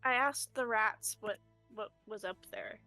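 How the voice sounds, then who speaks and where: A woman's voice: medium pitch, a little slow, bright, forceful tone, no echo, faint music behind. A woman playing a tabletop game, eager and blunt, swearing freely. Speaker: player.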